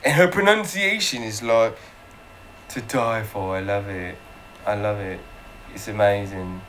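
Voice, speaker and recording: A man's voice: fairly low pitch, a little slow, a bit bright, a little hiss or hum. A man hosting a casual panel chat, upbeat and rambling with fillers. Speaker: host.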